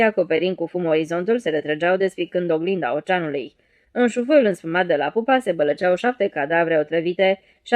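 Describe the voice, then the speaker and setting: A woman narrating an audiobook in a steady storytelling read. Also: fairly low pitch, no room sound. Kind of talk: scripted narration.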